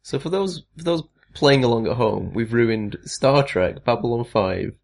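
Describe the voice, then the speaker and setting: A man's voice: mid-range voice, lively intonation, unhurried, creaky. A man co-hosting a casual chat, joking drily and asking lots of questions. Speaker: podcast co-host.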